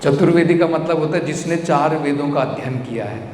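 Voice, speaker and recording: A man's voice: on the high side, brisk, a little mellow, a little hiss or hum. A man giving a devotional scripture lecture, explaining verses line by line and putting rhetorical questions to his listeners. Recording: echoey hall with faint ambience.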